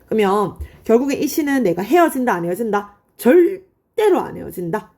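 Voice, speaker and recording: A woman teaching high school literature in an online lecture, explaining in a friendly, chatty way and answering her own questions. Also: sing-song, moderate pace, darkish tone. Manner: asks students questions and answers them herself.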